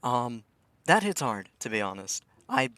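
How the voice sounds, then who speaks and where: A man's voice: medium pitch, wildly swooping pitch, a little slow, vocal fry, bright, forceful tone, no echo. A young man streaming a game, talking to himself in a rambling way, stammering and swearing now and then. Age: young adult. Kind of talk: casual live-stream commentary.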